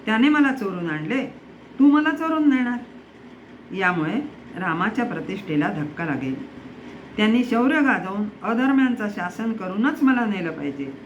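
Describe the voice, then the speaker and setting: Narrator reads principled queen in captivity, firm and measured, muffled lo-fi sound. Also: medium pitch, very animated, a little hiss or hum, natural voice. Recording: dull lo-fi recording.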